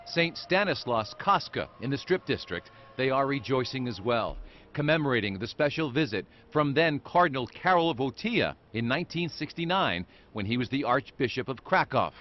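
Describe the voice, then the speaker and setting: A man reporting a local TV news story in a measured, formal delivery. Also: medium pitch, big pitch swings, muffled recording.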